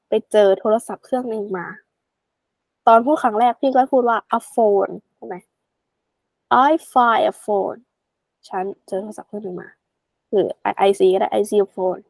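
A woman tutoring a student in a casual, chatty way, addressing the learner affectionately and slowing right down to spell out English examples. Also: on the high side, a little mellow, dry recording.

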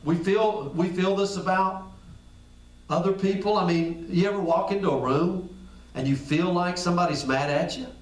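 A man's voice: high-pitched, moderate pace. A man preaching a sermon in a folksy, conversational way. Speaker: pastor. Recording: echoey room, picked up from a distance.

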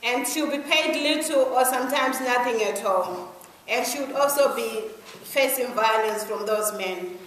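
A woman reading a report aloud, slightly halting. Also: fairly high pitch, fairly bright tone, slight background noise. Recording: echoey hall from far off.

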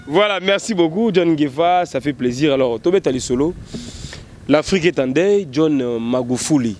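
A man's voice: on the high side, animated, normal speed, a little mellow, a little hiss or hum. A man hosting an interview, prompting his guest with questions and short agreements. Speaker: interviewer host.

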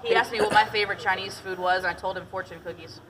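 Guiding visitors by boat across a cave's underground lake, a Detroit-born woman partly raised in Tennessee chats casually with jokes, giggles and stories. Her mid-range voice keeps fairly even intonation and a fast pace. Background noise and nearby chatter come through on a passenger's camera at some distance.

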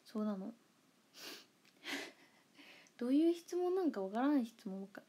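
A woman's voice: fairly high pitch, sing-song, unhurried, dark tone, slightly rough. A young woman with a Kansai accent, chatting playfully on a livestream and reading comments aloud, with frequent giggles and murmured asides. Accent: Kansai Japanese. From Kansai, Japan. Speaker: idol livestreamer.

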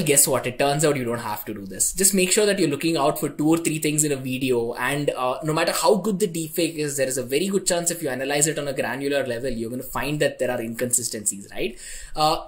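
A young man teaching a tech tutorial in a chatty way, often checking in with "right?". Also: fairly high pitch. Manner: conversational, ends points with "right?". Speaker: online instructor.

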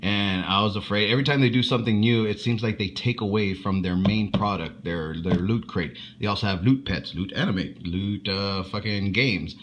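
Man, low voice, casual unboxing talk, rambling, swears a lot, faint background hiss. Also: fairly bright tone. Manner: rambling, profane, halting. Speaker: unboxing vlogger.

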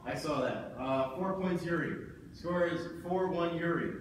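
A man refereeing a sparring match with booming, commanding announcer-like calls. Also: unhurried. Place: large indoor gym with rubber floor. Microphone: distant camera microphone. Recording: distant camera in echoey hall, background noise.

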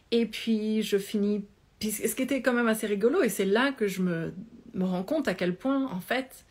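Chatty woman telling her own story. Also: medium pitch. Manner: chatty, animated hand gestures, many fillers and restarts. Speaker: yoga teacher and life coach. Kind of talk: casual personal storytelling. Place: small indoor room at home. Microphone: phone or webcam close to face.

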